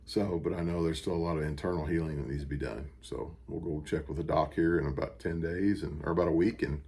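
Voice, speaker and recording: An American man giving a casual personal video update, talking in a plain, unhurried and somewhat halting way. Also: very deep voice, steady tone, a little mellow, husky. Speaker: vlogger recovering from surgery. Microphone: camera on a stand with ring light.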